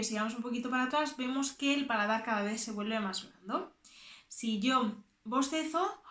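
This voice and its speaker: Bright-voiced choir coach in an echoey room. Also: female voice, on the high side. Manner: demonstrates sung vocalises and animal sounds between explanations. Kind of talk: online singing lesson with vocal exercises.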